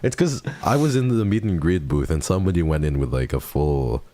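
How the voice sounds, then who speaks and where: A man with a very deep, booming bass voice, chatting casually and animatedly like a streamer, with plenty of swearing. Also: lively intonation, fairly quick, dark tone, no echo. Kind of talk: casual chat.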